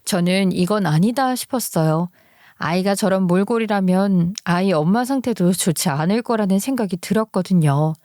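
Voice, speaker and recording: A woman's voice: medium pitch, normal speed, mellow, no room sound, clean studio sound. A woman narrating a true-life story in a conversational, emotive radio style.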